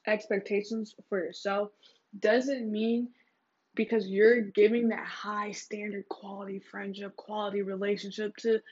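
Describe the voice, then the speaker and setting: A woman talking candidly and casually to her listeners in slangy speech, recorded on earbuds in an echoing bathroom. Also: mid-range voice. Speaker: host. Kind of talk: casual confessional monologue to listeners. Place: small echoing bathroom, indoors. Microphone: earbud microphone. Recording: dull, lo-fi earbud mic in bathroom.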